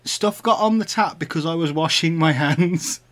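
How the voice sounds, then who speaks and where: A man's voice: on the high side, normal speed, fairly bright tone. A man co-hosting a casual podcast, teasing and arguing with his partner and laughing often. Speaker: podcast co-host. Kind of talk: casual couple banter.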